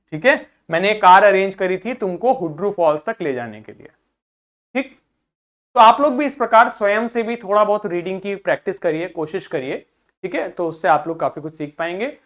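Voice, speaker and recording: A woman teaches English, reading a text slowly word by word, translating each line into Hindi and asking her students how words are read. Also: medium pitch, lively intonation. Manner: reads slowly word by word, then translates and asks questions.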